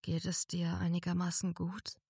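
A woman voicing an anxious, tender young heroine in whispered role-play, soft and breathy. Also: fairly low pitch, completely flat delivery, normal speed, dry recording, clean studio sound.

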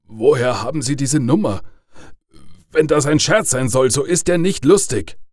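A man's voice: medium pitch, moderate pace, no room sound, studio quality, pitched above the performer's own voice, natural voice. A man voicing a terrified adult father who stammers and pleads, his voice shaking. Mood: alarmed. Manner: stammering, shaky.

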